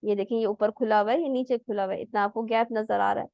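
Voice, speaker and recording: A woman's voice: medium pitch, fairly even intonation, quick pace, creaky, darkish tone, no echo. A woman teaching Quran recitation in an online class, explaining pronunciation patiently step by step and demonstrating the sounds herself.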